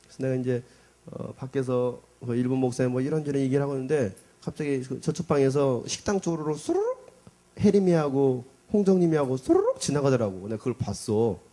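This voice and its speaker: Husky, animated Korean pastor. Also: male voice, mid-range voice, brisk. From South Korea. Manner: animated storyteller, acts out cries and quotes. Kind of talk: sermon storytelling.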